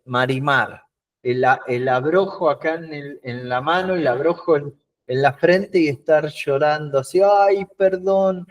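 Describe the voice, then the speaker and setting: A man's voice: a little high, darkish tone. A man with a Rioplatense Spanish accent, teaching an online emotional coaching class. He talks animatedly, acts out short dialogues in his examples, and often repeats words while searching for the next one. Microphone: video call.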